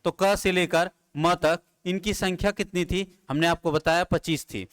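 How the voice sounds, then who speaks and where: A man's voice: high voice, steady tone, moderate pace, fairly bright tone. A man teaching Hindi grammar at a board, asking his students questions and answering them himself in repeated drills. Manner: addresses students familiarly, drilling terms. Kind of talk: classroom lecture at a board. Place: classroom with a board.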